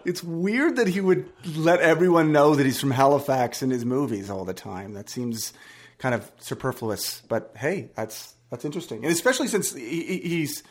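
A man's voice: medium pitch, animated, normal speed. A man co-hosting a comedy podcast, improvising as the polite, hesitant straight man. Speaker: podcast co-host. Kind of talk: improvised comedy banter, playing along.

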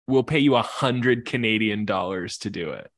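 A man's voice: on the low side, normal speed, a bit bright, no room sound, voice pushed down, lightly acted. A man doing a daring neighborhood kid. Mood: scheming.

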